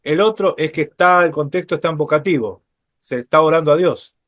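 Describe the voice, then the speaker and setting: A man teaching a Bible study lecture, explaining step by step, often checking in with his listeners and pausing on fillers. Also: on the high side, fairly bright tone, no room sound, studio quality.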